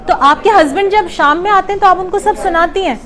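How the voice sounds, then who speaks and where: A Pakistani psychologist with a high, fairly bright voice leads a conversational workshop before a live audience in a club hall. She explains things patiently, mixes English words into her Urdu, and takes questions from the crowd.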